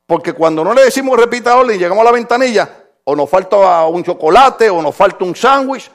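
High-voiced older pastor preaching. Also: male voice, animated, brisk. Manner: preaching with rhetorical questions and stories to a congregation. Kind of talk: sermon.

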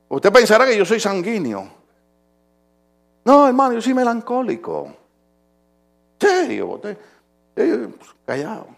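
A male pastor delivers a lively, humorous sermon in a high, gravelly voice. His pitch leaps around, and he swings between loud bursts and quiet, almost confiding asides. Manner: animated preaching with humor, shifting from loud to quiet.

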